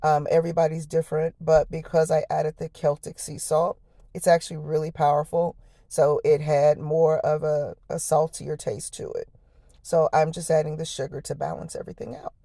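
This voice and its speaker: An American woman with a hoarse, low, harsh voice gives a casual, folksy cooking voice-over, chatting straight to her viewers. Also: level tone, moderate pace, mellow, no room sound, clean studio sound. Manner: folksy, chatty, addresses viewers as y'all and honey. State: hoarse, voice lost from the night before. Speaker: home cook, vlog host.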